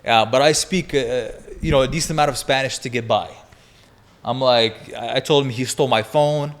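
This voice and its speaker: A man's voice: mid-range voice, moderate pace. Young man telling a wild story. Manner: energetic, profane, laughing through the story. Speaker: podcast guest. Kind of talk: animated storytelling in casual chat.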